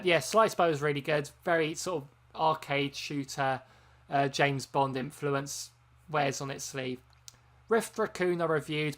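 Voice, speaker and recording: Rambling game streamer, chatty. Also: medium pitch. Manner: rambling, chatty, frequent ums and self-corrections. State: tired from long streaming. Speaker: game channel host. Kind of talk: casual live-stream chat.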